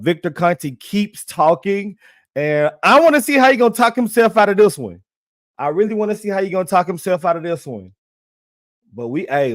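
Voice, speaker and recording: A man's voice: fairly high pitch, no room sound, studio quality. A young man, animatedly hosting a casual livestream and repeating himself as he talks straight to his viewers in slang. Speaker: livestream host.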